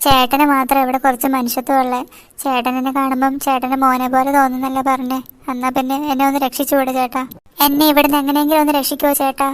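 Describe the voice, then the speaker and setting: ഒരു സ്ത്രീ കാർട്ടൂണിൽ പേടിച്ച ഒരു ചെറിയ സ്കൂൾ ബാലന് ശബ്ദം നൽകുന്നു, അവന്റെ സംസാരം യാചനയും ആശങ്കയും നിറഞ്ഞതാണ്. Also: female voice, high-pitched, completely flat delivery, quick pace, smooth, no echo, natural voice. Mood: frightened. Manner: pleading, anxious. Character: frightened young schoolboy, gentle. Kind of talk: cartoon voice acting.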